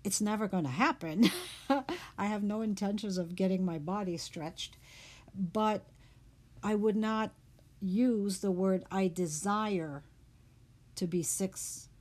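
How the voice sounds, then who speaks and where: A woman hosting a reflective talk on the meaning of words, speaking in an unhurried, thoughtful way with fillers. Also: mid-range voice, steady tone, a little mellow.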